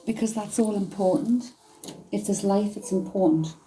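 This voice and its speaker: A woman, giving a medium's spirit reading in a chatty, halting way, often hedging with "I feel". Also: mid-range voice, dark tone, soft background music.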